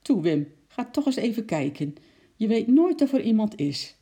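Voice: medium pitch, big pitch swings, moderate pace, mellow, pitched above the performer's own voice, close to an everyday voice. A storyteller voicing a nervous, worried housewife in a children's story, pleading and anxious.

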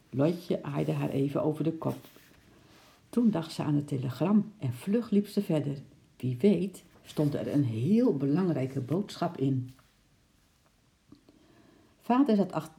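A narrator calmly reading a children's book chapter aloud. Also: medium pitch, gravelly. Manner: calm, measured storytelling.

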